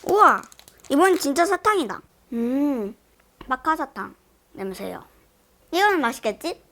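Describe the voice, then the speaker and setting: High, animated woman wincing through sour reactions. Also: a little slow. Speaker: host of a candy tasting challenge. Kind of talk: casual mukbang chat to viewers.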